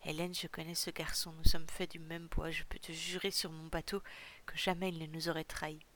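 A woman's voice: low voice, flat delivery, fairly quick, a bit bright, a little hiss or hum. A woman reading the storybook role of a loyal, kind-hearted young fisherman who speaks earnestly and defends his friend.

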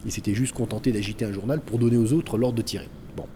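A man's voice: on the low side, fairly even intonation, quick pace, warm tone, a little hiss or hum. A man giving an informal, explanatory account of history as a narrator.

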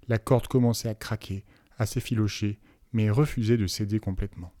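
A man narrating a novel aloud as an audiobook reader, telling the story in an even, measured way. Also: fairly low pitch, dry recording, studio quality.

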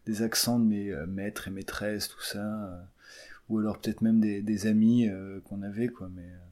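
A man's voice: fairly low pitch, steady tone, moderate pace, mellow. A man in his twenties from southern France, a student answering interview questions hesitantly, with many fillers and restarts. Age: 20s.

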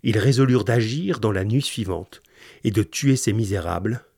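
Male audiobook narrator: low, husky voice, calm and measured reading. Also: no room sound, studio quality.

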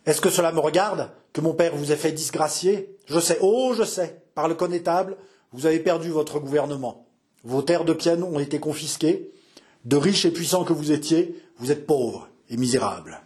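A man's voice: a little high, normal speed, darkish tone, natural voice. A man voicing a wild, bitter young nobleman who speaks in a frantic, intense way. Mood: frenzied.

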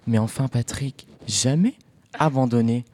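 A man voicing a condescending robotic voice assistant in a mock radio advert, speaking in a cold, flat robot voice. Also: medium pitch, a little slow, natural voice.

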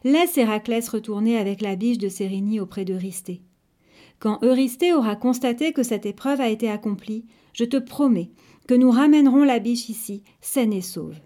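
A woman's voice: fairly high pitch, normal speed, warm tone, close to an everyday voice. A woman voicing a clever, bold young man who pleads earnestly and persuasively.

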